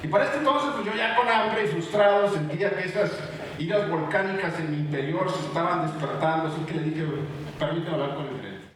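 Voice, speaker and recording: A man preaching a sermon, passionate, dropping often into hushed tones for emphasis. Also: high voice, brisk. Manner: impassioned preaching with sudden drops to hushed tones. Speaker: pastor.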